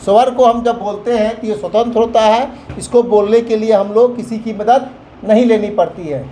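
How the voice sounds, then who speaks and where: High-voiced man teaching grammar. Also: mellow, a little hiss or hum, rough recording. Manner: slow, explaining step by step with examples. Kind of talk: Hindi grammar lesson for children.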